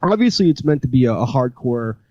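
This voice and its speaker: A man's voice: medium pitch, very animated, brisk, a little mellow, no echo, dull audio. A man hosting a podcast, casually retelling a horror movie with many fillers and restarts. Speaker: podcast host. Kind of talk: casual chat.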